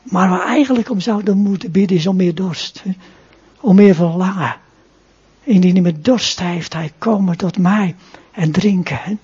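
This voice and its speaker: An earnest male preacher delivers a sermon and then a prayer, often tacking short questions onto his sentences. His voice is very husky and dark. The recording sounds dull and muffled. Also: high voice. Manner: earnest, often adds a soft tag question.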